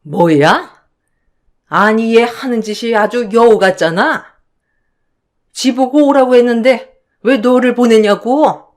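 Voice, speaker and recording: A woman's voice: on the high side, slow, pauses often. A woman voicing an older mother-in-law who scolds and rants, in a radio drama. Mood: ranting. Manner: scolding, shouting, self-pitying sighs.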